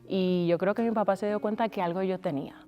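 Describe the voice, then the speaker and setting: A woman's voice: medium pitch, steady tone, fast, dull audio, loud music behind the voice. A woman with a Cuban accent, a flutist and conductor, telling her story in a reflective interview. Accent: Cuban Spanish. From Cuba.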